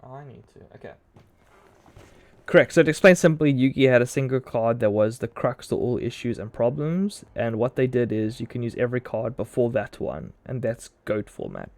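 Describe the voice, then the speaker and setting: Guy streaming, swearing a lot, rambly stories, dry close sound, normal pitch. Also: big pitch swings, moderate pace, darkish tone, dry recording. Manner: loose, profane storytelling with acted-out quotes. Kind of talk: casual live-stream chat.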